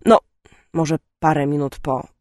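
A timid middle-aged father speaks softly and hesitantly, then rambles on once he gets going, as a woman narrator puts him on. His voice sits near the reader's own, in a dry storybook reading. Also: low voice, flat delivery, unhurried, no echo. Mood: chatty. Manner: hesitant, gently nostalgic.

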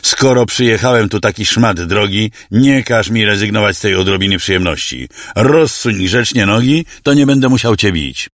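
A man's voice: on the low side, moderate pace, few pauses, a bit bright, no room sound, clean studio sound, pitched above the performer's own voice, lightly acted. A man voicing a cruel, greedy young nobleman who speaks coldly and with menace in an audiobook story. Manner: cold, sneering, menacing.

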